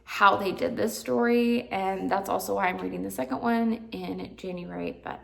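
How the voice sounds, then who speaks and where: A woman's voice: medium pitch, fairly even intonation, normal speed, vocal fry, a bit bright. A woman vlogger casually reviewing books, chatty and rambling with lots of filler words. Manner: exasperated ranting at times. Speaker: book vlogger. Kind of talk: casual book review chat.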